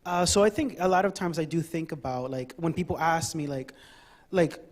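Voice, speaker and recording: A man's voice: fairly high pitch, moderate pace. A man in his late twenties from the Dominican Republic, talking loosely as an artist on a panel, with lots of "like" and "uh". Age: late 20s. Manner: loose and conversational, many fillers and "like"s. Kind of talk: casual panel talk.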